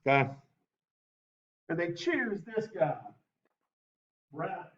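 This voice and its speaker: Lively man giving a history lecture. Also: high-pitched, takes it slowly, highs cut off. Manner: lively, asks the class, keeps saying okay. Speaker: history teacher.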